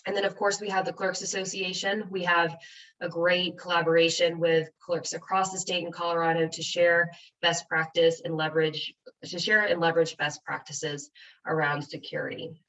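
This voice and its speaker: An American woman, a county clerk, giving a measured webinar presentation with frequent ums. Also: on the low side, flat delivery, fairly bright tone, slight background noise. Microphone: video call. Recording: distant, dull webinar audio.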